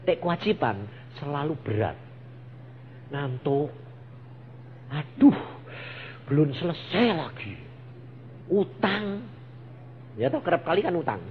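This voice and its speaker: Javanese-accented male preacher, high lively voice, muffled live recording. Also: takes it slowly, pauses often, a little hiss or hum. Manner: animated, coaxing questions to the congregation, mixing Javanese words. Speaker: evangelist preacher. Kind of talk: sermon.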